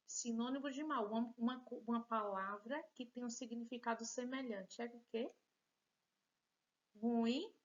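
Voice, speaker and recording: A woman teaching a remote class, with a Brazilian Portuguese accent, is patient and encouraging and pokes fun at her own handwriting. Her slightly high voice comes through lo-fi sound in this recorded lesson.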